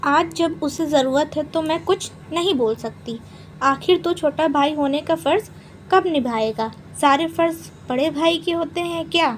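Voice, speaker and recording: A woman's voice: high-pitched, moderate pace, a little hiss or hum, close to an everyday voice. A woman voicing a stern older mother-in-law who scolds and then stands firm. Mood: scolding. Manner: stern, growling.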